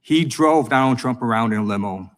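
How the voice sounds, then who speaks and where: A man's voice: mid-range voice, brisk. Accusatory American man, pressing hard. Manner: prosecutorial, accusatory, insistent. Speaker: congressman questioning a witness at a hearing. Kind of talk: formal adversarial questioning. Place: government hearing room.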